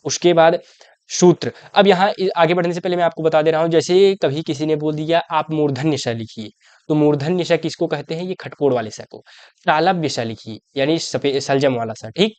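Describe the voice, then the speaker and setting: Speaking at a moderate pace in a fairly high, darkish voice with no room sound, a young man runs through an exam-prep grammar lesson. He breaks things down step by step, answers his own questions, and repeatedly calls the viewer "brother."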